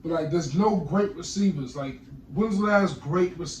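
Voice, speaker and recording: A man hosting a casual sports podcast chat, talking fast with many stammered restarts and slang, hiccuping. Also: fairly high pitch. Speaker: podcast host. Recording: roomy, distant mic, faint noise.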